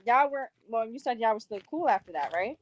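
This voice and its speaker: A woman's voice: on the high side, lively intonation, no echo, dull audio. A woman in casual chat, teasing and challenging the storyteller. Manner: teasing, quick to tease and challenge. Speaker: co-host.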